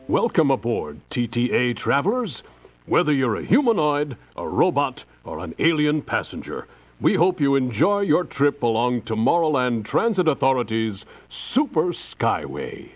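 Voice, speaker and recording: A man's voice: medium pitch, wildly swooping pitch, moderate pace, highs cut off. A man playing a welcoming futuristic transit announcer, giving a theatrical scripted PA greeting. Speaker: ride announcer.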